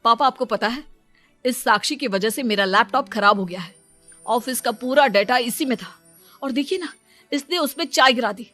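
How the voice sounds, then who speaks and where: A woman's voice: a little high, normal speed, sharp tone, faint music behind. A woman playing an irritable, sarcastic young husband in a cartoon moral story. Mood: sarcastic anger.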